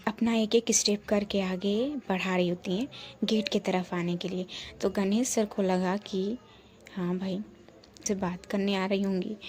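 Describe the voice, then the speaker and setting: Female storyteller, casual and chatty narration, mellow tone. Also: mid-range voice, a little hiss or hum. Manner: chatty, repetitive framing of who says what.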